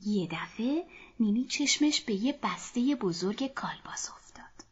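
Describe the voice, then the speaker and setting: A woman narrating a children's story in a soft, often half-whispered voice, speaking to children, in a dull lo-fi recording. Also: on the high side, lively intonation, husky.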